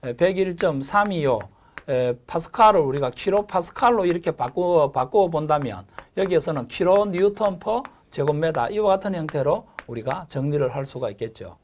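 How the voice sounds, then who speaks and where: Middle-aged male lecturer, slightly high voice, repeats terms, frequent "에" fillers and "그죠?" check-ins. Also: lively intonation, a little mellow, slight background noise. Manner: repeats key terms, checks in with "그죠?" after each point; fills pauses with drawn-out "에". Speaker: lecturer for a gas engineering exam course. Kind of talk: recorded online lecture.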